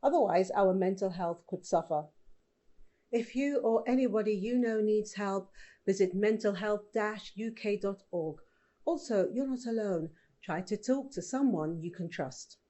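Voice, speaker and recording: A woman's voice: medium pitch, measured pace, dark tone. A woman presenting scripted online news as host, speaking directly and conversationally to viewers.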